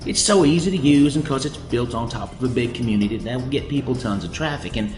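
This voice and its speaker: A man's voice: medium pitch, expressive, fast, darkish tone, close to an everyday voice. An actor playing a smug scheming villain who taunts his captives with theatrical menace in a comedy sketch. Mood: gloating. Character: smug scheming villain man, folksy drawl. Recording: echoey room with music bed.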